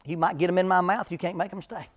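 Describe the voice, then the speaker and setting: A man's voice: high-pitched, fairly even intonation, fast talker. A man, a preacher leading a parenting seminar in plain-spoken, humorous talk before a live church audience.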